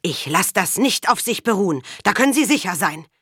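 A woman's voice: medium pitch, big pitch swings, a little fast, fairly bright tone, slightly rough, no room sound, clean studio sound, pitched above the performer's own voice. A woman reading the part of a mocking, greedy male farmer in a storybook. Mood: indignant. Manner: mocking, indignant.

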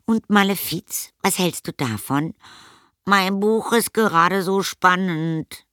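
A man's voice: high voice, slow pace, pushed and bright, no room sound, clean studio sound, pitched above the performer's own voice, exaggerated voice. A man reading an audiobook and voicing a nervous young boy who stammers out excuses. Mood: evasive. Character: young boy, flustered and evasive. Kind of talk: audiobook character voice.

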